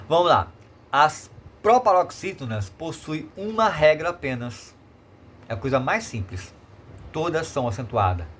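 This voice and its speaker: Brazilian male teacher, remote lesson, animated pitch, repeats and checks understanding, faint noise. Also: measured pace. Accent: Brazilian Portuguese. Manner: repetitive, explanatory, checks in with tag questions. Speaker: Portuguese teacher.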